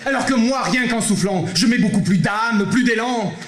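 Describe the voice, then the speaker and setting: Here the same Provençal-accented comedian sounds high-pitched, speaking at normal speed over soft background music, with reverb from the theatre. His one-man stage show mixes theatrical chat with the audience and solemn poetry recitation, filmed on an amateur camera.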